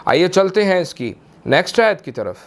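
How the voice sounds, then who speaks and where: A young man with a Pakistani Urdu accent teaches Quran recitation, patiently explaining and repeating words slowly to model their pronunciation, with slow melodic recitation between explanations. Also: sits high, sing-song, creaky. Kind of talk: tajweed lesson, explaining and demonstrating.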